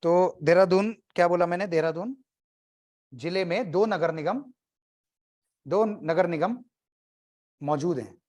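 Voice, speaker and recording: A male coaching teacher with a high-pitched, darkish voice gives an exam-prep lecture. He keeps it loose and conversational, quizzing students with quick questions and slipping jokes in among the facts.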